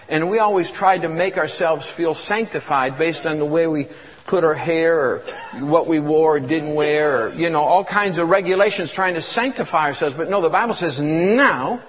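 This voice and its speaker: A man in his fifties preaching a sermon as a guest preacher, fervent, repeating words and calling for congregation responses. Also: on the high side. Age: 50s. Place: church. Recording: echoey hall, dull lo-fi sound.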